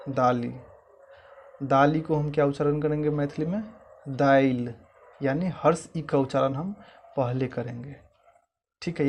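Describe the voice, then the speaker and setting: Young guy with a bit of a gravelly voice teaching a language lesson, patient, repeats each word slowly. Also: fairly high pitch, darkish tone. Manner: explains patiently, repeats words slowly, often adds "ठीक है".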